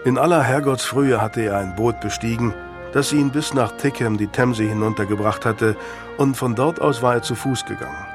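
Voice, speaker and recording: A man reading an audiobook aloud in scripted narration, with an even storytelling delivery. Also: mid-range voice, moderate pace, music in the background.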